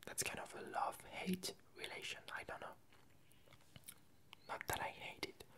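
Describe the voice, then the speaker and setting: A bit bright in tone, the ASMR creator whispers casually with no voicing and plenty of breath, drifting along haltingly and correcting herself often.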